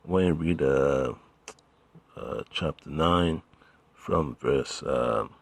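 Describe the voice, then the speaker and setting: A man gives a casual Bible lesson in a deep, gravelly voice with a husky edge. He talks to his listeners like friends, dropping "man" and "you know" between thoughts. When he quotes scripture, he slows down and grows louder. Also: dry recording. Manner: reads scripture louder and slower. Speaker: preacher.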